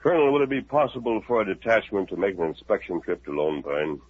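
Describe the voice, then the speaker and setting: An actor playing the Lone Ranger, a calm, resolute masked hero, speaking in a steady, persuasive way in a 1950s radio drama. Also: male voice, on the low side, fast talker, breathy edge. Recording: tinny narrow old radio recording.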